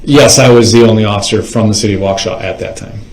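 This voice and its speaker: An echoey courtroom carries the fairly low, steady, slightly mellow voice of a police officer on the witness stand. His testimony is measured and factual, delivered in formal, procedural phrasing.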